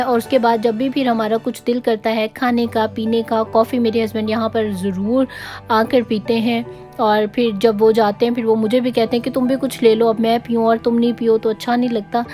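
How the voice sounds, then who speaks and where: A woman's voice: a little high, dark tone. A young Pakistani woman narrating her own vlog in a chatty, casual way, with a Pakistani Urdu accent and English words mixed in. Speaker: vlogger.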